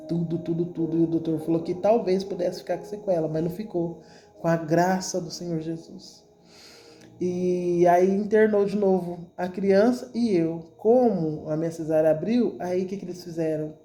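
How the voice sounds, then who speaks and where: A woman with a Brazilian accent gives an emotional religious testimony, piling up repeated words as she speaks to the congregation. Her voice is mellow and warm. Soft music plays faintly behind her. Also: fairly low pitch, steady tone, moderate pace. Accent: Brazilian Portuguese. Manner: emotional, repetitive storytelling addressed to the congregation. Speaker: church member giving a testimony.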